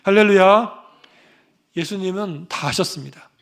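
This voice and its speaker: A Korean pastor preaching a fervent, emphatic sermon that rises into proclamations. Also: male voice, high voice, moderate pace, vocal fry.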